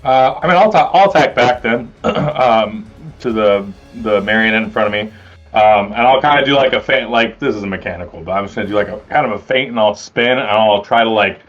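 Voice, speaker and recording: A man's voice: on the low side, fairly quick, fairly bright tone. A man playing a tabletop game, describing his moves hesitantly and thinking aloud as he goes. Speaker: player. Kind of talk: casual tabletop game chat. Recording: dull, lo-fi mic.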